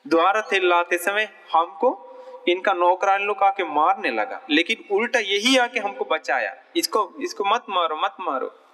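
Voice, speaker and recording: A man's voice: sits high, lively intonation, a little slow, sharp tone, voice pushed up, exaggerated voice. A man voicing a remorseful former courtesan woman who begs forgiveness in a pleading tone, in an echoey hall. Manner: pleading, apologetic.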